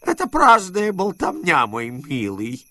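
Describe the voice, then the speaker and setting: Guy doing a whiny scared old miser uncle, squeaky and jumpy. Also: huge pitch swings, pushed and bright, dry recording, exaggerated voice. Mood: nervous, blustering. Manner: shrill, pleading, quick to bluster. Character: old miserly Scottish uncle, frightened and shifty.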